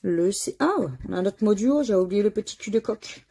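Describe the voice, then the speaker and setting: A woman's voice: medium pitch, animated, normal speed, gravelly, dark tone, slightly rough. A French woman hosting a scratch-card channel, chatting casually as she scratches tickets and spells out letters one by one. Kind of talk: casual commentary while scratching lottery tickets.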